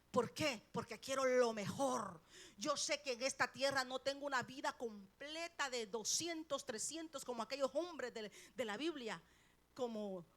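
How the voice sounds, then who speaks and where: A middle-aged woman preaching a sermon as the pastor's wife. She swings between loud, stressed peaks and quiet drops, often asking the congregation questions. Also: fairly high pitch. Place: church sanctuary.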